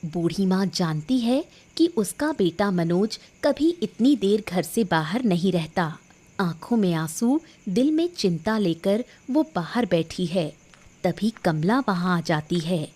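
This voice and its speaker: A woman narrating a cartoon story in a steady scripted storytelling manner. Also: on the low side, slow pace, husky.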